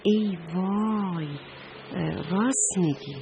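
A woman voicing a curious, kindly talking red brick in a children's story, speaking softly and questioningly. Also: mid-range voice, animated, background noise, lightly acted. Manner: soft, surprised, questioning.

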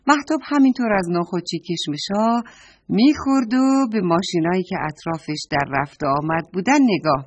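A woman telling a story to children, addressing them directly and warmly as she reads. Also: on the low side, dull audio, slight background noise.

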